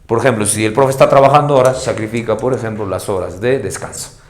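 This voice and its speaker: A man with a Peruvian accent teaching an economics class, lively, acting out students and parents as he goes. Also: on the low side, fast talker. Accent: Peruvian Spanish. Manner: animated, acts out student and parent voices. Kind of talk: classroom lecture. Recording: echoey room with faint noise.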